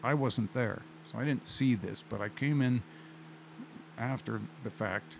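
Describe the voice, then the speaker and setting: A man's voice: mid-range voice, a little slow, gravelly, slight background noise, poor audio. An older man in casual chat, telling rambling concert stories with many restarts. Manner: rambling anecdotes with frequent restarts.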